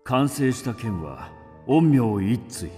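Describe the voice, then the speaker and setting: Music plays under this radio drama performance, where an actor takes the role of a stern, commanding figure from ancient China, the doomed swordsmith who becomes a mysterious avenger. He speaks slowly in a sing-song, mid-range voice with a darkish tone, and the mood is solemn and resolute.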